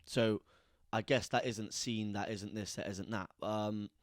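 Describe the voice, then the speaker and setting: A man's voice: fairly low pitch, steady tone, a little slow, dry recording, clean studio sound. A young man, co-hosting a casual podcast and rambling with lots of restarts and easy laughter. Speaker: podcast co-host. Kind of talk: casual chat.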